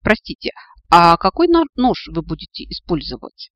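A man's voice: high voice, sing-song, normal speed, dry recording, dull audio. A man voicing a sassy young female witch with a cheeky, sarcastic way of talking, in an audiobook.

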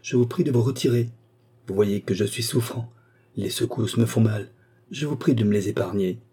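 A man's voice: lowish voice, normal speed, dark tone, breathy edge. A man voicing a frail, weary old marquis in a read-aloud novel, speaking curtly. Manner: weary, curt. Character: frail aging male marquis, weary, stern.

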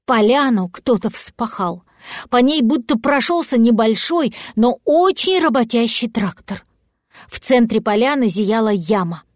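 A woman narrating a children's storybook aloud with gentle expressive telling. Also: fairly high pitch, unhurried, no room sound, clean studio sound. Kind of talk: audiobook storytelling.

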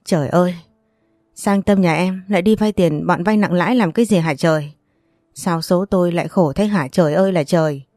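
A woman's voice: on the low side, brisk, a little mellow, dry recording, clean studio sound, soft background music, close to an everyday voice. A woman voicing a distraught aunt who laments and begs for help in a read-aloud story. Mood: pleading. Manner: pleading, lamenting. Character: distraught aunt, wailing and pleading.

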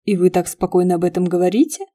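Brief: a woman voicing a gruff, jealous young man, mellow low-key tone. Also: quick pace, lightly acted.

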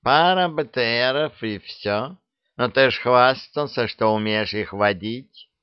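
A man's voice: mid-range voice, slow, clear, resonant tone, dry recording, natural voice. A man voicing a greedy, boastful male talking cat with an indignant, wheedling manner, on a dry, dull recording.

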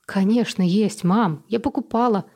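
A woman's voice: medium pitch, moderate pace, a little mellow, natural voice. A woman voicing a patient but exasperated young adult daughter who talks in a weary, reasoning tone.

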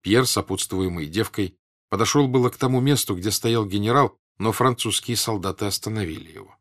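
Low-voiced man reading a novel. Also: fairly quick. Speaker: narrator. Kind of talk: literary audiobook reading.

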